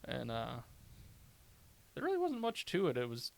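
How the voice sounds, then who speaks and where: Man, gravelly voice, rambling storyteller, casual swearing, dry close sound. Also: medium pitch, wildly swooping pitch, moderate pace, dry recording. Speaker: stand-up comedian, podcast guest. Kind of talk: casual chat.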